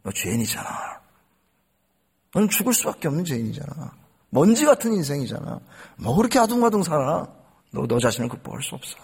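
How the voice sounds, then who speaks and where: A man's voice: a little high, big pitch swings, a little fast, creaky, pauses often, breathy edge, pitched below the performer's own voice, exaggerated voice. A man voicing a scornful male Satan who taunts and belittles the listener, quoted in a sermon. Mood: accusing.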